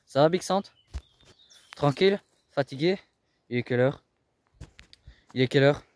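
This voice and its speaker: A man's voice: fairly high pitch, normal speed, a little mellow. A man working as a youth educator, firm and scolding with teenagers, raising his voice when annoyed. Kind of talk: coaching young people.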